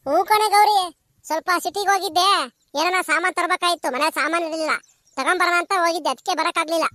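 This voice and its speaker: Woman voicing a cartoon village grandmother, squeaky high voice, quick gossipy nagging, bright, dry close sound. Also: steady tone, dry recording. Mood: gossiping.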